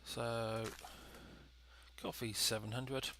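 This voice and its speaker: A man's voice: mid-range voice, flat delivery, very slow, background noise. A man with a stuffy, nasal voice from a head cold, giving casual let's play commentary and thinking aloud as he goes. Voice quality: nasal, congested. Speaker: gaming video host.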